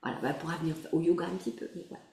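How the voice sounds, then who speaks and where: A woman's voice: fairly low pitch, steady tone, rapid-fire, mellow. A woman coaching a group through an emotional exercise over a video call, encouraging and laughing often as she calls on people by name. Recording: roomy echo.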